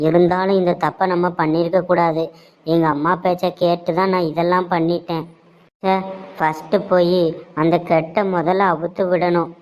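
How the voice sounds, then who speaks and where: Cartoon role: remorseful, scheming young man, played by a woman, Tirunelveli Tamil accent, low flat delivery. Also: moderate pace, close to an everyday voice. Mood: guilty musing. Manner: pleading, theatrical. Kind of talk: cartoon voice acting. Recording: dull lo-fi sound.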